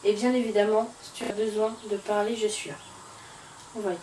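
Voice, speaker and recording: A woman's voice: mid-range voice, level tone, moderate pace, mellow, distant mic, slight background noise, lightly acted. Woman playing a remorseful teen girl. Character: remorseful girl apologizing to her best friend. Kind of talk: amateur film acting. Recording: echoey room, off-mic.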